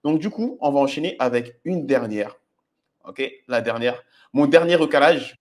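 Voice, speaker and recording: A man's voice: mid-range voice, animated, moderate pace, darkish tone. A man comments on footage of his own approaches and explains his dating advice to viewers in a direct, instructive way, often checking in with "ok?". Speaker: dating coach.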